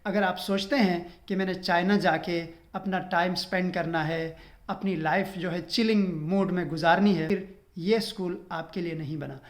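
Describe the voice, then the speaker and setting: A young man from Pakistan, vlogging and earnestly advising students, dropping English phrases into his talk. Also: high-pitched. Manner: earnest advice, code-switching with English phrases. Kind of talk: casual informational vlog.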